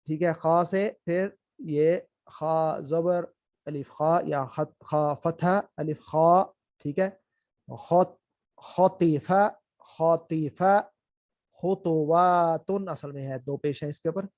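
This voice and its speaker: Man, Quran reading teacher, slightly high voice, slow letter-by-letter spelling, quick explanations, dry close sound. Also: fairly even intonation, darkish tone, no echo. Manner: spells out letters and vowel marks slowly, then speeds up to explain; keeps checking in with "ٹھیک ہے". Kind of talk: recorded reading lesson.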